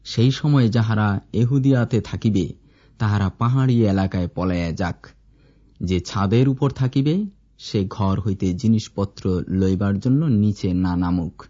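A man reading scripture aloud in a measured, formal recitation. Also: lowish voice, warm tone. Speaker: scripture reader. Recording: dull lo-fi recording.

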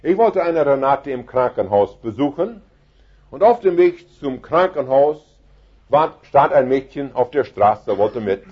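A man preaching an evangelistic sermon, fervent and penetrating, dropping soft and then rising to loud emphatic cries. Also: mid-range voice, lively intonation, unhurried, husky, highs cut off.

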